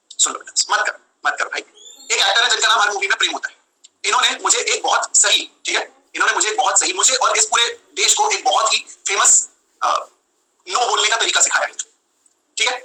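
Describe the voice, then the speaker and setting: A young man teaching law in a live online class, lively, switching between Hindi and English and acting out his examples. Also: high-pitched, slight background noise, low-quality recording.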